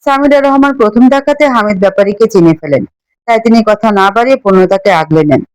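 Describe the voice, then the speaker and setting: A woman narrating an emotional story, reading in an expressive way. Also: medium pitch, fairly quick, clear, resonant tone, no echo, poor audio.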